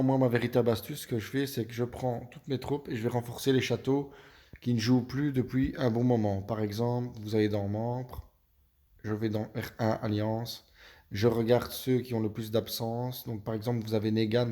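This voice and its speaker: A man's voice: medium pitch, little pitch movement, moderate pace, mellow. A Belgian man with a Belgian French accent giving casual gameplay tips as a YouTuber, hesitant and full of fillers and self-corrections. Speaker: gaming YouTuber.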